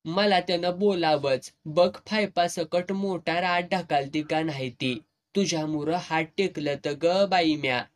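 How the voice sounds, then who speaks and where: Man reading as a cheeky, bossy village girl, pitched a touch high, storybook reading. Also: measured pace, natural voice. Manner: brash, teasing, bossy. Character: bold, mischievous village girl, quick-tempered.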